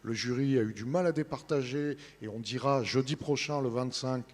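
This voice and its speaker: A man presents an events programme as an interview guest, informally and haltingly, searching for words. His medium-pitched voice carries the long reverb of a large hall. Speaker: interview guest representing a newspaper. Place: large studio set in a big hall.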